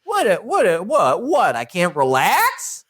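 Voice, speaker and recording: A man voicing a selfish, pleading male king in a very high, whining mock voice. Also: huge pitch swings, measured pace, a bit bright, breathy edge, full character voice. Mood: whiny.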